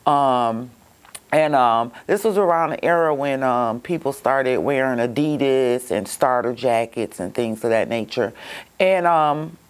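A woman's voice: rumbling low, measured pace. A middle-aged woman giving an interview testimony, telling her story steadily and reflectively with frequent ums.

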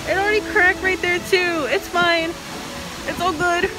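A woman's voice: very high voice, steady tone, normal speed, poor audio. A young woman in her twenties vlogging at a convention outdoors, chatty and giggly, talking through a face mask. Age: 20s. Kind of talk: casual convention vlog. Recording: loud music behind.

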